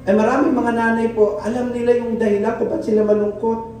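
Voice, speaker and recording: A man's voice: extremely high pitch, level tone, fairly quick, warm tone, slight background noise. Man, Filipino accent, pastor's sermon, chatty and questioning, far from the mic, roomy echo. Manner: conversational, asks the congregation questions, mixes in English. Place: church hall with congregation. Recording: echoey church hall, mic from a distance.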